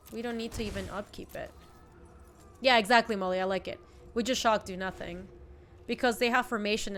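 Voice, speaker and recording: A young woman with a stuffy cold chats casually on stream while playing a card game and answering her chat, speaking from a home streaming room indoors. Her voice is medium-pitched and a bit bright, with slight background noise. It's relaxed live-stream commentary, her congestion clearly audible.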